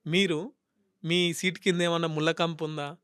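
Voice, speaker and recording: A man's voice: fairly high pitch, level tone, normal speed, a bit bright, smooth, no room sound, studio quality. A male TV news interviewer pressing his guest with challenging, pointed questions. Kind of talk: political TV interview.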